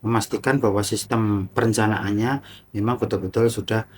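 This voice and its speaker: A man's voice: fairly low pitch, steady tone, normal speed, a little hiss or hum. A man as podcast guest, explaining cases patiently, step by step with examples. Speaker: guest expert on internal oversight.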